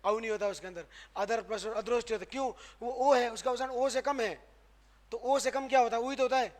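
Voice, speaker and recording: In a classroom lecture, a high-pitched man from Rajasthan, India, teaches grammar to a live class. He keeps firing off questions and answering them himself, and he stresses and repeats sounds to show how they are spoken.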